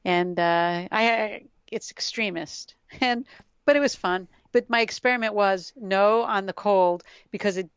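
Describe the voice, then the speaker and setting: Speaking a little slowly in a smooth, medium-pitched voice, a middle-aged yoga scientist is a guest on a podcast. She explains things thoughtfully and laughs easily, and the dry, dull lo-fi audio has no room sound.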